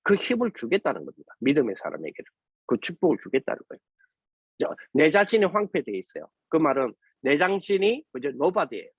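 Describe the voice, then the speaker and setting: Husky man preaching. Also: on the high side, sing-song, brisk, dry recording. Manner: keeps asking rhetorical questions, tag "right?" after nearly every phrase. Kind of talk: sermon. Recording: dull lo-fi recording, dry.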